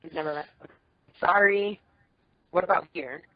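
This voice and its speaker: A woman's voice: lowish voice, a little slow. A woman from the Dominican Republic talking on a phone video call, her voice garbled and breaking up, apologetic as she checks the connection. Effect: choppy, garbled call audio breaking up. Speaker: guest actor. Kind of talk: casual interview over a call. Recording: dull, lo-fi phone call audio.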